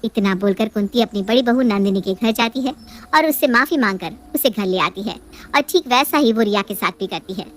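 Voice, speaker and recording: A woman narrating a family story in a calm, even storytelling manner. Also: medium pitch, brisk.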